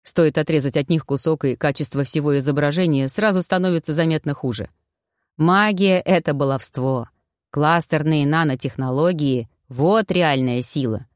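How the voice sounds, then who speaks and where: A self-satisfied male cyborg inventor, voiced by an audiobook reader holds forth in a deep, unhurried drawl. He lectures everyone as if the answer were obvious. The recording is dry and close. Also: no room sound, lightly acted. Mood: smug. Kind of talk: audiobook reading.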